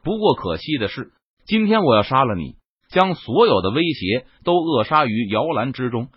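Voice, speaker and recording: Man doing cold arrogant villain, low scornful threats, husky, dull dry sound. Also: sing-song, moderate pace, no echo. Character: cold, arrogant powerful male cultivator villain.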